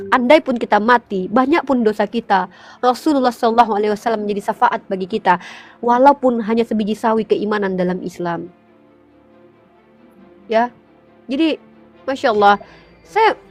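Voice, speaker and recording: High-voiced woman giving a fervent appeal. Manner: fervent, pleading, rising to emotional peaks; addresses listeners as brothers in faith. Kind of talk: impassioned religious exhortation.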